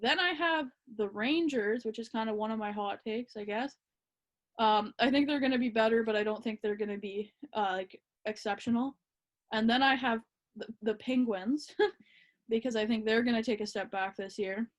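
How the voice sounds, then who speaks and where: Woman co-hosting a hockey chat, kinda high voice, lots of ums, laid back. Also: moderate pace, highs cut off. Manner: relaxed, hesitant with many ums and laughs. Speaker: podcast co-host.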